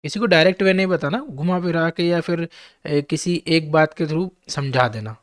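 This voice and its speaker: A man with a fairly high voice teaches English vocabulary to exam students at a moderate pace, spelling out each word letter by letter and checking in with his listeners. The recording is clean studio quality with no room sound.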